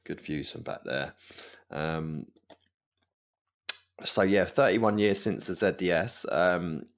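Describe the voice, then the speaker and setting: A man's voice: sits low, expressive, slow, gravelly. A man co-hosting a football fan podcast in casual chat, rambling through asides and laughing often. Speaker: podcast co-host.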